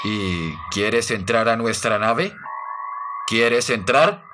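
A man doing a calm, commanding alien, slow and soothing, music playing underneath. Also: lowish voice. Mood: calm, coaxing. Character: calm, commanding male alien aboard a spaceship. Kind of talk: radio drama acting.

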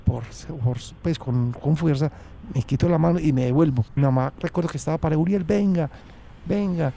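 A Colombian man recounts his life in a halting, personal way, restarting sentences and acting out what others said. His voice is gravelly and very dark but sits a bit high for a man. Faint music plays underneath. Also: slight background noise. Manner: halting, with restarts and acted quotes. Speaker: interviewee. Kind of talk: personal storytelling.

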